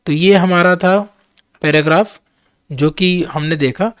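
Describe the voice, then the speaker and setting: A man with an Indian accent, an English teacher who reads editorial lines slowly and then explains them in quick Hindi. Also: high voice, a bit bright, no echo, studio quality.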